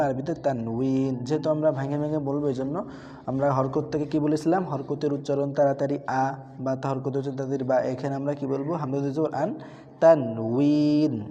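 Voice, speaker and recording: Male Quran teacher, mellow tone, patient letter-by-letter drilling, echoey lo-fi recording. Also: medium pitch. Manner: slow drawn-out recitation between brisk explanations. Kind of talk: Bengali Quran reading lesson. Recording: dull lo-fi sound with long reverb.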